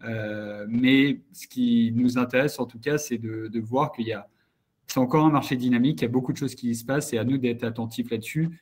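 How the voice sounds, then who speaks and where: A man's voice: medium pitch, fairly even intonation, fairly quick, a little mellow. Hesitant man hosting a webinar. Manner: hesitant, repeats words when starting. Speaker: host and company co-founder.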